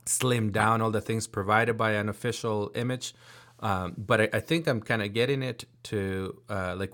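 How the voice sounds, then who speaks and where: Man, lower voice, casual tech-chat host, hesitant and curious. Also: fairly bright tone. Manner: halting, many fillers and restarts, inquisitive.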